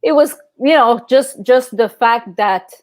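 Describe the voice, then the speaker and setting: A woman's voice: on the high side, measured pace, dry recording. A middle-aged woman from El Salvador, a guest speaking casually in an interview, with many fillers and restarts.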